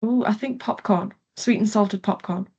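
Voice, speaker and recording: A woman's voice: medium pitch, moderate pace, vocal fry, a little mellow, slightly rough, muffled recording. A young woman from Galway with a west of Ireland accent, answering questions casually as an interview guest. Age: young adult. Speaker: interview guest, pharmacy student.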